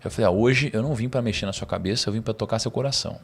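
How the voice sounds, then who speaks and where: A man with a Brazilian Portuguese accent, a podcast guest telling a personal story in casual conversation. He is animated and uses slang, with bursts of laughter. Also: on the low side, rapid-fire, slightly rough.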